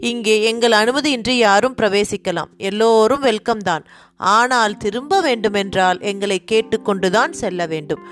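A woman's voice: on the high side, normal speed, a bit bright, lightly acted. A woman doing a mocking tall thug. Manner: mocking, commanding.

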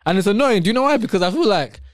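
A man's voice: high voice, animated, very fast, no echo, studio quality. A young man with a London roadman accent, bantering casually in slang and repeating short phrases for emphasis. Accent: London, urban roadman slang. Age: young adult. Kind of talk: casual banter between friends.

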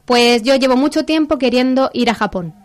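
Castilian spanish woman, kinda high voice, chatty n excited, explaining stuff super informally to her co-host. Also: brisk. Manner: enthusiastic, informal, explains step by step. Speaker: segment host presenting a book. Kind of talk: casual chat with a co-host.

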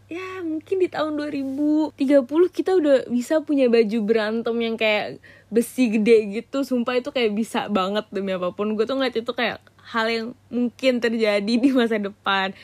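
Woman, solo podcast host, slangy gushing chatter, fairly high voice, dry close sound. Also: no room sound. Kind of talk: casual solo podcast chat.

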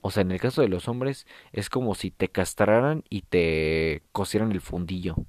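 A Mexican man with a deep, low voice, talking straight to the camera in a frank, crude and joking way. The sound is close and dry, with no room echo. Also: normal speed, darkish tone. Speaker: vlogger giving advice. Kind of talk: casual monologue to viewers.

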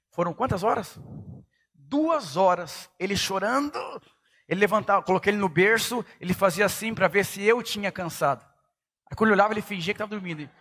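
Emphatic pastor preaching loudly. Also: male voice, high voice. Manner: emphatic preaching, shouting at peaks. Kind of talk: sermon.

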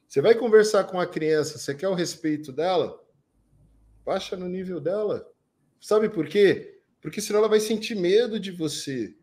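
A male public speaking coach giving advice in an energetic, emphatic way, often swinging his loudness and pace. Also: high-pitched. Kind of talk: instructive podcast talk.

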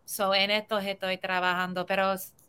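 A woman's voice: mid-range voice, flat delivery, normal speed, sharp tone, clear, resonant tone. A woman from New York, a writer and filmmaker, chatting in an interview and mixing English words into her Spanish. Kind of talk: casual interview chat.

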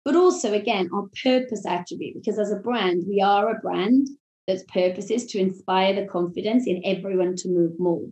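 Welsh woman, business podcast guest, measured explanatory delivery, roomy echo. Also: mid-range voice, a little mellow, highs cut off. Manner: measured, explanatory, corporate phrasing. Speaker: marketing executive guest.

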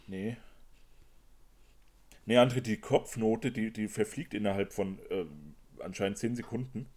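A man in casual chat reviewing perfumes, talking in a lively way and laughing often. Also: fairly low pitch, a little slow. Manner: chatty, animated, laughs often while sniffing samples.

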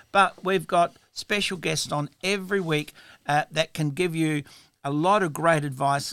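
A man's voice: on the high side, creaky, fairly bright tone, dry recording. Male radio host, chatty and rambling, upbeat, dry close mic. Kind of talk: talk radio hosting.

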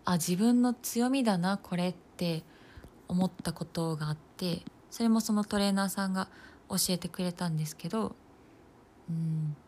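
A young woman in her twenties chatting casually on her own, thinking aloud as she goes, with plenty of fillers and the odd soft laugh. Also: lowish voice, normal speed, slight background noise. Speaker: nursing student podcaster. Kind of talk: casual solo talk.

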